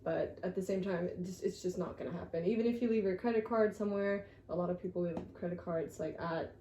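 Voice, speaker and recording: A woman's voice: fairly low pitch, quick pace, mellow, roomy sound, a little hiss or hum, rough recording. Easygoing young woman from Sweden. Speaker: guest. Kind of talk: casual chat.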